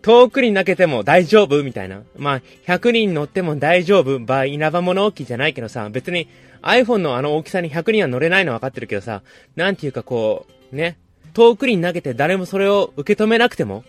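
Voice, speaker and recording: A man's voice: a little high, very animated, a little fast, no room sound, faint music behind. A man hosting a casual monologue, rambling and joking as he tells a story and mimics the voices of shop staff.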